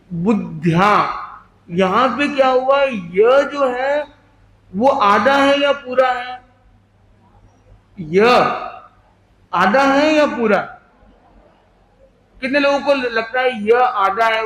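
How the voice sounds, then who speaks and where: A man teaching a workshop class, slowly breaking sounds into syllables and asking the listeners questions. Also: very high voice, fairly bright tone. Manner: slow, syllable by syllable, quizzing the class. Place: workshop room with an audience. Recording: echoey room.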